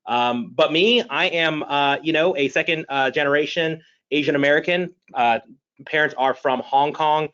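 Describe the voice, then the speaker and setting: A man introducing himself as a panelist in a webinar, talking haltingly with many pauses and restarts. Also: a little high, fairly bright tone, clean tone. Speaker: panelist, diversity executive. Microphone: video call. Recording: muffled video call audio.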